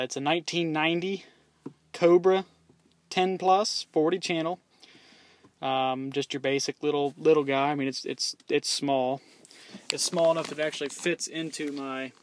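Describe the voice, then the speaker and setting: Speaking at a normal pace in a slightly high, steady voice over a little hiss or hum, a vlogger reviews his CB radio from his parked SUV. He wanders casually from point to point, cursing offhand and tripping over words with plenty of ums and restarts.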